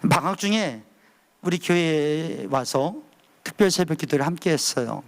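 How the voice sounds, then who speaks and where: A man in his fifties preaching earnestly at a dawn prayer service, swinging between high emphatic calls and low hushed phrases. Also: expressive, normal speed. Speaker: pastor.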